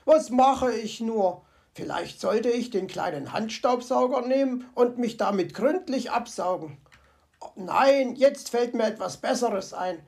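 A woman doing a chatty, fussy fox gentleman. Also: on the high side, a little slow, gravelly. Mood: delighted. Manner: chatty, talks to himself, comic grumbling. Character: cheerful fussy male fox, Herr Fuchs. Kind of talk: storybook character voice.

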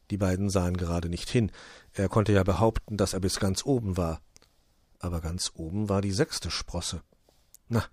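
A man reading a children's story aloud with an expressive storytelling cadence. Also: low-pitched, breathy edge, dry recording. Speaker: narrator.

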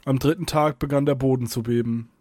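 A man narrating a scripted fantasy audio story in a steady, even reading voice. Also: mid-range voice, brisk, no echo.

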